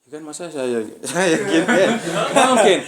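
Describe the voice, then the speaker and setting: A man giving a relaxed religious study talk to students, speaking with an Indonesian accent and checking in with his listeners often. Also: on the high side, normal speed, a crowd in the background. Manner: conversational, keeps asking "ya kan?". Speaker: visiting preacher.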